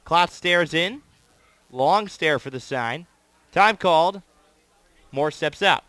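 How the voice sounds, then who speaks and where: High, bright-voiced man calling baseball play-by-play. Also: animated, slow pace, no echo. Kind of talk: live play-by-play sports commentary.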